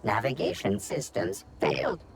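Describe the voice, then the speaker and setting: An actor plays a malfunctioning robot scout that reports errors in a calm, flat machine voice at a middle pitch. Its lines are game dialogue, with a clear hum of crowd chatter behind them. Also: normal speed, close to an everyday voice. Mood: robotic, calm. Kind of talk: video game character dialogue.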